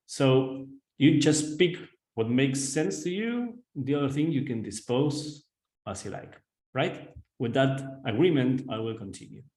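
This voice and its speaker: Argentine-accented male executive coach, earnest webinar delivery, mid-pitched, roomy echo. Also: a little mellow. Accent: Argentine Spanish. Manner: earnest, addresses audience directly, frequent "right?" tag questions. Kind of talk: webinar presentation.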